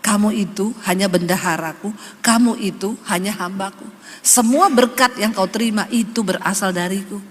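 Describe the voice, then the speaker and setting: A woman's voice: mid-range voice, moderate pace, voice pushed down, close to an everyday voice. A woman preacher voicing God as a stern, commanding divine voice in a reverberant hall.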